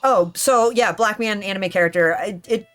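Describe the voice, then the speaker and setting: A woman's voice: medium pitch, normal speed, a bit bright. A woman in her thirties streaming a game, chatting in a rambling, casual way and swearing freely. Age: 30s.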